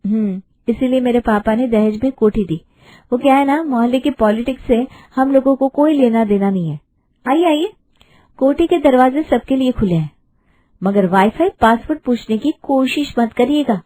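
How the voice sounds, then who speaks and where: Cartoon bride, young and sharp-tongued, pitched a touch high and lively, played by a woman. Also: moderate pace, rough recording. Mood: cheeky. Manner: cheeky, sassy retorts. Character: sharp modern young bride, witty and defiant.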